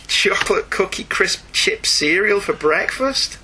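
Chatting on his comic book podcast, the middle-aged British host is wry, jokey and mock-exasperated, speaking a little slowly. His high, animated voice sounds pushed and bright, with a little hiss or hum in the recording.

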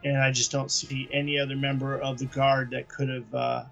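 A man's voice: medium pitch, completely flat delivery, moderate pace, vocal fry, a bit bright, dull audio, soft background music. A man co-hosting a podcast, chatting casually about comics in a rambling, enthusiastic way. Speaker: podcast co-host.

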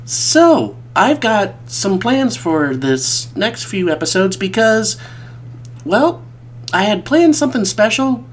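Animated stuffed-up man hosting a podcast. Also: sits high, slow, slight background noise. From American Midwest. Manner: rambling, animated, self-correcting. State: stuffed up from a cold. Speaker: podcast host. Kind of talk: casual podcast chat.

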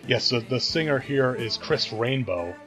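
A man's voice: medium pitch, animated, measured pace, a bit bright, faint music behind. A man co-hosting a podcast, talking through an album thoughtfully with many restarts and fillers. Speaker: podcast co-host. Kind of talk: casual album discussion.

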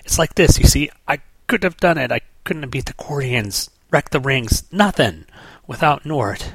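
A man's voice: mid-range voice, lively intonation, normal speed, vocal fry, fairly bright tone, slightly rough, dry recording, pitched above the performer's own voice, exaggerated voice. A man voicing a hotheaded, blustering male space cop hero from a comic, ranting in exasperation. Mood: exasperated.

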